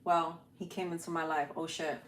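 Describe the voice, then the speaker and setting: A woman's voice: sits low, flat delivery, normal speed. Woman, tarot reader on a live stream: casual, chatty, swears and laughs freely. Faint noise behind. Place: home setup, newly moved.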